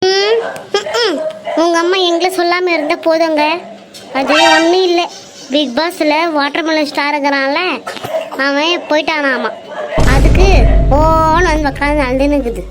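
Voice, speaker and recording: A woman voicing a sharp-tongued young daughter-in-law in a cartoon, with a Bangalore Tamil accent and a sarcastic, muttering manner. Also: high-pitched, fairly even intonation, measured pace, heavy background noise. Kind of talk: cartoon voice acting.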